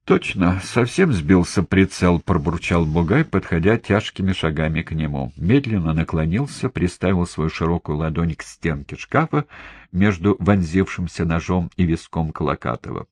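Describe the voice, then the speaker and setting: A man narrating an audiobook in a steady, grave storytelling manner. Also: sits low, moderate pace, breathy edge, no echo.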